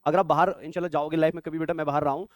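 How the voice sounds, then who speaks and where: Fast, high-voiced teacher. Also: male voice, flat delivery, no echo. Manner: quizzing students with rapid questions, calling them "beta". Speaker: biology teacher. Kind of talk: exam-prep classroom lecture.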